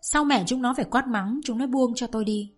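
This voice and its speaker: A woman narrating a novel aloud in the first person, with an emotional, expressive delivery. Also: fairly high pitch, a little fast, soft background music. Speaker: audiobook narrator. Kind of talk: dramatic reading of a novel.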